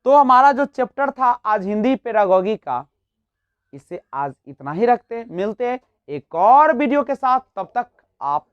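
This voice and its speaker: The recording is dry and dull lo-fi, carrying a man's high, clean-toned voice as he teaches an exam-prep class. His explanations proceed step by step, with rhetorical questions and a frequent "nahin" tag.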